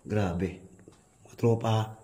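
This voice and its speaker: A hoarse young man exploring an abandoned building at night, talking to his viewers in a tense, hushed voice and swearing under his breath. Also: lowish voice, extremely slow, very noisy. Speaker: vlogger. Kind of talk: hushed exploration vlog narration. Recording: vlog over loud background music. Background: loud music.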